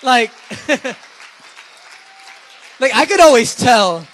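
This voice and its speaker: Performing stand-up for a live crowd, this young man from the Philippines, raised in California, is chatty and playful, laughing and bantering with the audience. He is a stand-up comedian and spoken word performer. His voice is very high-pitched, sing-song, very slow and fairly bright, with a little hiss or hum.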